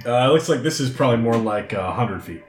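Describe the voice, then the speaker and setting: A quick-talking, lively man jokes and swaps slangy banter as a tabletop player. His mid-pitched voice sits in an echoey room. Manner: jokey, slangy, swearing. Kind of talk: casual excitable table banter. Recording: echoey room with background music.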